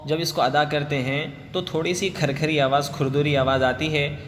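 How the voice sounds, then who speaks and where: A man teaching children Quran letters with tajweed. He chants each letter slowly and drawn out, then explains it quickly. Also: fairly high pitch, steady tone, slight background noise. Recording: long reverb, faint music.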